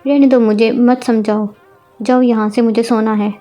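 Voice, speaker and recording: Woman reading a proud hurt young bride, slightly high voice, flat, storybook reading. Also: moderate pace, soft background music, lightly acted. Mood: angry, hurt.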